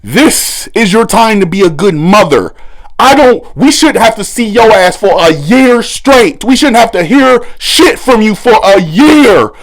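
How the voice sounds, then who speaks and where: A man hosting a commentary channel, ranting angrily with heavy swearing and bursts of shouting. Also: high-pitched, big pitch swings, a little slow. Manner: furious, swearing, voice breaking into shouts. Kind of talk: angry commentary rant. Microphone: no usual setup.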